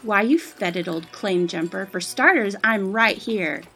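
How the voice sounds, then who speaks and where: Feisty woman as gunslinger, mid-pitched. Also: a little slow, pushed and bright, faint music behind. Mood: indignant. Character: feisty, sardonic female gunslinger. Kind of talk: comic Western audio drama acting.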